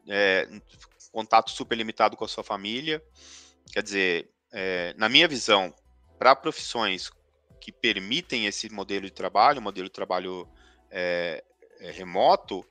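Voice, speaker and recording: A man with a lowish, bright, forceful voice answers as a guest in a live online interview. He talks thoughtfully, pausing and restarting often. The sound is dry and close, with faint music in the background. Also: no echo. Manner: thoughtful, many hesitations and restarts. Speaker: guest expert.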